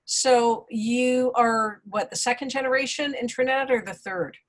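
A woman's voice: on the high side, fairly even intonation, moderate pace. A woman hosting an interview podcast, chatty and enthusiastic as she welcomes and questions her guest. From Canada. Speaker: podcast host.

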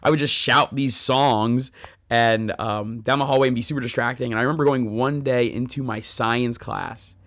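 Speaking straight to his audience, a thirty-something man gives a sincere, conversational devotional on scripture, weaving in stories from his own life. His voice is medium in pitch, steady, fairly bright, and at a normal speed, with clean studio sound and no room echo.

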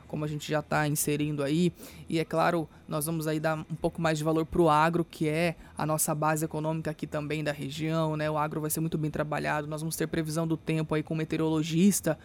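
Male Brazilian radio news presenter, conversational, upper-register, very even intonation. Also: a little high, quick pace. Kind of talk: casual on-air chat.

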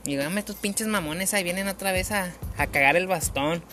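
A young man with a northern Mexican accent telling a comic story full of slang, animated and quick to laugh as he acts out voices. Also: high voice, over music. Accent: Mexican Spanish, northern. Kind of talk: comedic storytelling, heavy slang.

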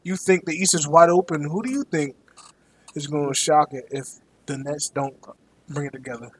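A young man with a husky, fairly high voice hosts casual sports banter. His talk is animated and full of slang, like someone telling stories to his friends. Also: normal speed. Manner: slangy, animated storytelling, frequent 'you know what I'm saying'.

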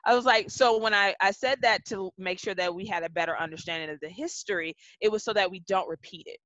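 A woman guest on a podcast, telling a story from her work in a measured, reflective way and slowing down to stress her points. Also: mid-range voice, a bit bright, no echo. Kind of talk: conversational interview storytelling. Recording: dull, dry lo-fi podcast audio.

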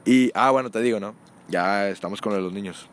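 A man's voice: fairly low pitch, brisk. A young man with a Mexican accent telling crude, slangy stories in casual chat, acting out the voices of people in them. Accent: Mexican Spanish.

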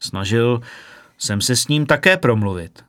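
A man's voice: mid-range voice, animated, fairly bright tone, dry recording, clean studio sound, close to an everyday voice. A man doing a sulky, put-upon young sailor. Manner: sulky and defiant, flaring into curses.

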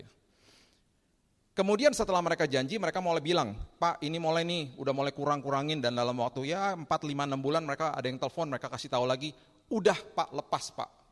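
A male pastor preaching a sermon in a lively storytelling way, acting out people's pleas in a raised voice. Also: a little high. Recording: long hall reverb.

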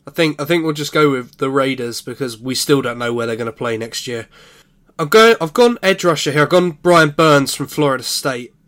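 A man's voice: mid-range voice, lively intonation, normal speed, fairly bright tone. A man on a sports podcast giving draft commentary, announcing picks in top ten countdown fashion and arguing his case. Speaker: podcast panelist. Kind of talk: American football draft commentary.

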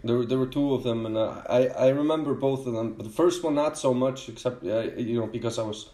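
A middle-aged Icelandic man with an Icelandic accent, chatting casually as a guest with a relaxed, hesitant manner full of fillers. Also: mid-range voice, a little fast. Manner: relaxed, hesitant, many "uh"s and "you know"s. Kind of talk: casual chat. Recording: echoey room.

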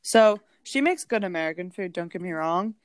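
A young woman tells a rambling family story on a casual podcast, full of restarts and bursts of laughter. Her voice is smooth and clear. The sound is dry and close. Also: on the low side, animated, normal speed, dry recording. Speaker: podcast co-host.

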